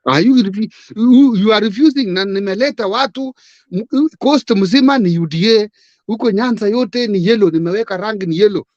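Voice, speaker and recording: A man's voice: high-pitched, fairly quick, darkish tone, dry recording, dull audio. A Kenyan man talking politics as a guest, emphatic and full of rhetorical questions, switching between English and Swahili. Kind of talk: live-stream political chat.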